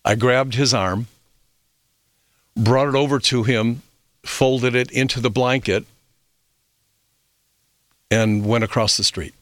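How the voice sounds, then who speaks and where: A man's voice: medium pitch, steady tone, takes it slowly, long pauses, a bit bright, no echo. A middle-aged man hosting a health radio show, telling reflective stories with fillers and restarts. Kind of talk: radio talk monologue.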